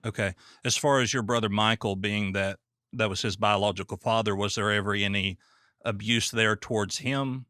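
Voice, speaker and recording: A man hosts the conversation and puts plain, folksy questions to his guest. His voice sits low but sounds bright. The recording is close and dry. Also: steady tone, normal speed, no room sound. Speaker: podcast host. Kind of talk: interview questions.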